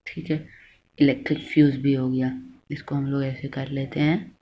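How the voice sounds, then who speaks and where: A man's voice: mid-range voice, level tone, moderate pace, warm tone, rough recording. A man teaching a lesson, dictating notes to students word by word and correcting his own slips. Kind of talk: slow classroom lesson.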